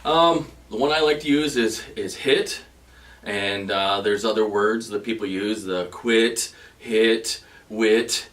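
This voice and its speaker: A man's voice: on the low side, takes it slowly, a bit bright. A man in his thirties co-hosting a casual instructional chat, speaking in short, laconic remarks. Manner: laconic, brief interjections. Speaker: co-host and duck calling demonstrator. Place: small wood-panelled shop room, indoors. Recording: roomy, distant pickup.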